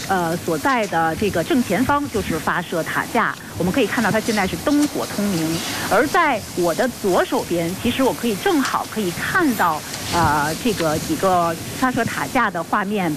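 A woman delivers a live, unscripted news report from the field at a middling pitch. Her delivery is formal and earnest, with pauses as she searches for phrasing. Clear hissy noise runs behind her voice on the outdoor feed. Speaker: field reporter for a radio broadcast. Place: outdoors at a launch site. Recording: noisy outdoor live feed with steady hiss.

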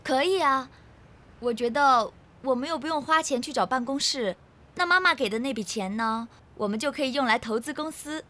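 Sweet young daughter, high voice. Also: female voice, moderate pace, sharp tone. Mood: earnest, concerned. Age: young adult. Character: sweet, earnest young daughter starting a business. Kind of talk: television drama acting.

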